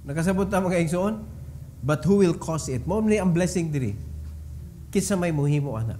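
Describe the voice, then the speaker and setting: A man's voice: a little high, animated, normal speed, warm tone, slight background noise. A man with a Filipino accent preaching a sermon as pastor, mixing Cebuano and English, reading scripture emphatically and putting questions to the congregation.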